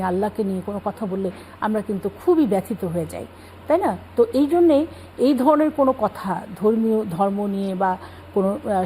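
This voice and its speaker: Woman guest scholar, calm explanatory delivery, relaxed tone, light background hiss. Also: mid-range voice, low-quality recording. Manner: calm explanatory, cites scripture. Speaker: religious guest speaker. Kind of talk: Islamic talk show explanation.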